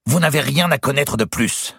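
A man voicing a hot-tempered young king who shouts indignantly and whose voice cracks high when cornered. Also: lively intonation, normal speed, creaky, slightly rough, no room sound, clean studio sound, heavily acted. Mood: defensive.

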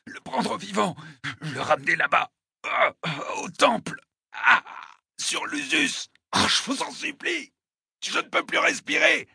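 A man voicing a badly wounded male thug who gasps in pain, begs for mercy and cries out in high, strained shouts. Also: animated, slow pace, creaky, breathy edge, dry recording, clean studio sound, exaggerated voice. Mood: begging, agonized. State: out of breath, in pain.

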